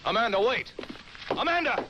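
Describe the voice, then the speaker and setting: An actor playing a desperate ship's doctor, urgent and insistent, in an old film. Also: male voice, on the low side, sing-song, moderate pace, very noisy. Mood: angry. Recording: dull old VHS tape with film music.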